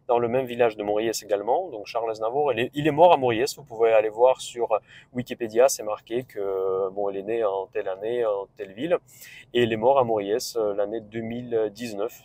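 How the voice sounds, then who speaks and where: A man's voice: lowish voice, a little fast, darkish tone, no room sound. Russian guy speaking french, rambly travel vlog chat, lots of ums, dry close sound. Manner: rambling, many hesitations and restarts. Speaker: vlogger. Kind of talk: casual travel vlog talk. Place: on a road trip, in a car.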